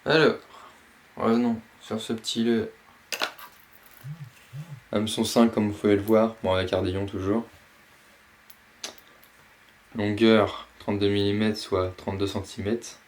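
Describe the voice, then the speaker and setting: A man casually presenting and unboxing a box of fishing lures, pausing often with fillers. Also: on the low side, little pitch movement, slight background noise. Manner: slow, hesitant, many fillers. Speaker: fishing vlogger.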